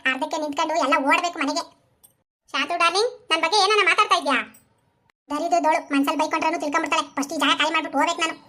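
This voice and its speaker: A woman voicing a bossy, sharp-tongued old mother-in-law in an animated comedy, cursing in a rapid shrill way.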